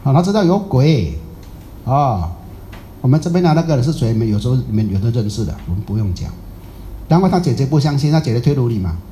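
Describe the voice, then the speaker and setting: A mellow, middle-aged man gives a dharma talk as a Buddhist master. He tells stories in a lively way, acting out other people's voices and chuckling as he goes. His pitch sits in an ordinary male range, and a faint hum of room noise runs behind him. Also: fast talker. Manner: animated, acts out voices, chuckles, slips in English phrases.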